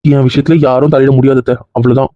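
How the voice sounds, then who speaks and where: A man's voice: medium pitch, flat delivery, fast, no echo, natural voice. A man playing a hot-tempered young groom. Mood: defiant. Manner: defiant, argumentative. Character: stubborn young groom, quick to anger. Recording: muffled lo-fi sound.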